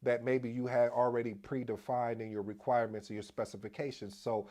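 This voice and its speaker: A man hosting a casual explainer video on project management, addressing viewers as family, energetic and prone to restarts. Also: medium pitch, fairly quick. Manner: restarts and repeats himself as he talks. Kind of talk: casual explainer talk to camera.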